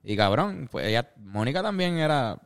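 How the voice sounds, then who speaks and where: A man with a Puerto Rican Spanish accent talks loosely with friends, trading stories and slang with easy laughs. His voice is smooth and clear, caught up close on a dry, close mic. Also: medium pitch, sing-song, normal speed, dry recording. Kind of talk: casual chat.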